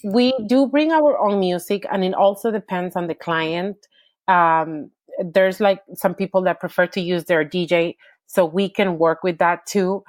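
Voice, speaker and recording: A woman from Peru, speaking with a Peruvian Spanish accent, appears as a podcast interview guest and cheerfully discusses her entertainment business, often starting her sentences over. Her lowish voice runs a little slow, without echo.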